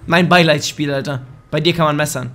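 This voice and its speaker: A young man giving crude, excitable let's play commentary in a slightly hoarse voice, now and then bursting into shouts. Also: a little high, fairly quick, soft background music. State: a bit hoarse. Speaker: gaming YouTuber. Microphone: desk microphone.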